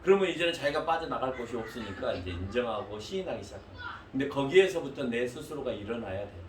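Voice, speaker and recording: A male pastor preaching a sermon in a church hall, animated and speaking directly to the congregation. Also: medium pitch, fast talker, background noise. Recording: echoey hall, mic at a distance.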